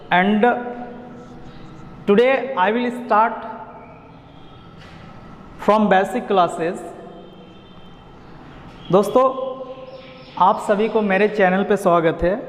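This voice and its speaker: A man with a Bihar accent gives an online lesson, explaining pronunciation slowly and repeating himself. His voice sits high. The room is echoey, with a long reverb trailing behind him. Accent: Indian, Bihar. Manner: slow, repetitive explaining of pronunciation. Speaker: English teacher.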